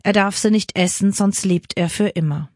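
A woman's voice: medium pitch, normal speed, darkish tone, no echo, clean studio sound, lightly acted. Stern God passing judgment, read by a woman. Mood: solemn.

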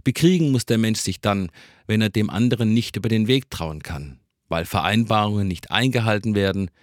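A man giving a calm, reflective Christmas sermon. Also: on the low side, brisk, no echo, clean studio sound. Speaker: preacher.

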